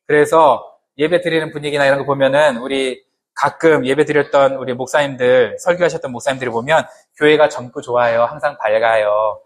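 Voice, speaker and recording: A man's voice: medium pitch, fairly even intonation, brisk. A man preaching a sermon to his congregation in a conversational way, often asking them questions and adding humorous asides. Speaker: pastor.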